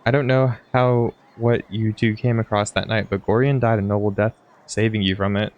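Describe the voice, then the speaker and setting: A man reading out a gruff older guard from a game, speaking in a plain, fatherly way. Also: on the low side, fairly even intonation, normal speed, darkish tone, highs cut off, natural voice. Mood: warm.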